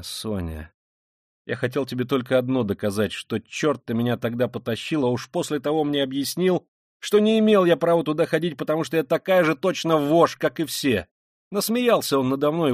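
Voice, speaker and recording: A male reader, mid-pitched and lightly acting, voices a tormented, feverish young man who is proud and brooding in a dramatic audiobook reading. The intense character lurches between fierce outbursts and low mutters. The storybook recording is dry and close-miked, with no echo.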